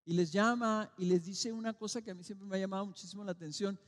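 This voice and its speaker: A middle-aged man with a Mexican accent preaches from the pulpit in a fairly high voice. He swings from loud calls down to near-quiet, stressing words slowly. The hall around him rings with a long reverb. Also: fairly even intonation. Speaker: pastor. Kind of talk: sermon. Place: church sanctuary.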